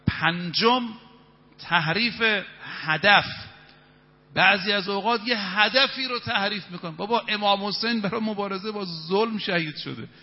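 A man in his fifties preaching an evening sermon, speaking emphatically and reciting verses in Arabic. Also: high-pitched. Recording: reverberant, dull hall sound.

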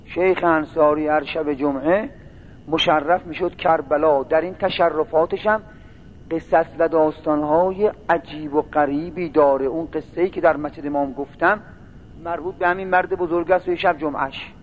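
Guy preaching a sermon, high voice, sounds like a phone line w a bit of hiss. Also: steady tone. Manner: storytelling, drawn-out, rising to mournful chanting. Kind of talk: religious sermon and storytelling. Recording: tinny phone-like sound with faint noise.

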